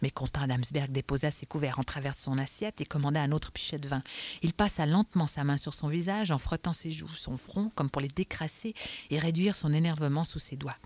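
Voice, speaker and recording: A woman narrating a novel aloud in a quiet, subdued, measured way. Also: low voice. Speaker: audiobook narrator.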